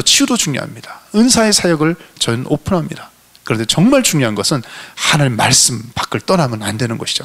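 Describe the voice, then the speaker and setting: A male senior pastor preaching fervently, asking rhetorical questions and swinging between loud, high appeals and low, quiet asides in a church. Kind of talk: sermon. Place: church sanctuary.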